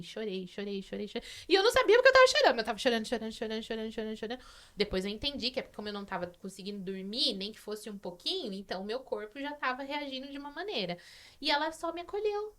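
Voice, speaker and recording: A Brazilian woman talks as a podcast guest, and her bright, somewhat high voice carries clearly. She tells her story with feeling, often repeating words for emphasis. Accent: Brazilian Portuguese. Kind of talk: casual podcast chat.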